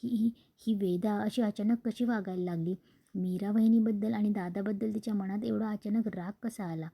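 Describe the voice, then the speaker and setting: A woman's voice: mid-range voice, steady tone, moderate pace, creaky, mellow, breathy edge. A woman voicing a thoughtful young woman who questions what is going on. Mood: questioning.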